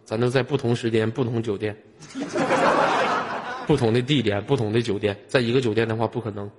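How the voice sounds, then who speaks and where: A man with a Northeastern Chinese accent hosts an online voice-chat audition, bantering in a brash, teasing, profane and slangy manner. His medium-pitched voice is fairly even in intonation and a little fast. The live chat is noisy, with clicks and clear background noise throughout.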